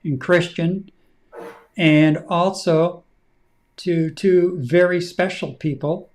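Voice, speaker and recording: A middle-aged man co-hosting a casual talk show, relaxed and rambling with plenty of fillers. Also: high-pitched, slow. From Canada. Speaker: podcast co-host. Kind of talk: casual chat.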